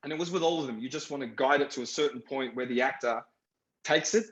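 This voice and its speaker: A man's voice: medium pitch, quick pace, fairly bright tone. A man, a film director, talking through his work on a panel, reflective and given to repeating phrases. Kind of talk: panel discussion over video call. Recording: roomy, muffled sound.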